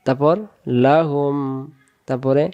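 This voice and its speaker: Male Quran tutor, slow syllable-by-syllable recitation lesson, crisp resonant voice, muffled lo-fi class recording. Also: fairly high pitch, little pitch movement, a little mellow. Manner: sounds out Arabic syllables one at a time, then joins them. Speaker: Quran teacher.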